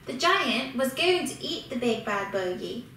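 A woman reading a children's storybook aloud in an expressive, unhurried way. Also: on the high side. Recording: very echoey room, distant mic, faint hiss.

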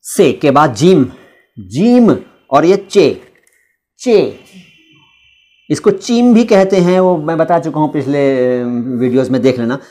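A man from India teaching a casual lesson at a board, chatty, with drawn-out letter sounds and side remarks. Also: a little high, very animated, mellow. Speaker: language teacher.

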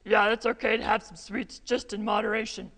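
A woman's voice: mid-range voice, steady tone, fairly quick, a bit bright, big-room sound. A woman voicing a cheerful male skeleton puppet who gives children friendly health tips. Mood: cheery. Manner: upbeat and encouraging. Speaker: puppet character in children's yoga class.

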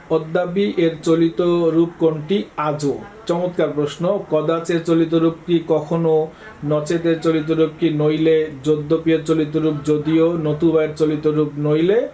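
A man teaching an exam-prep lesson, reading out quiz questions and answering each one briskly, often prompting students to look. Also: fairly high pitch, level tone, warm tone, rough recording.

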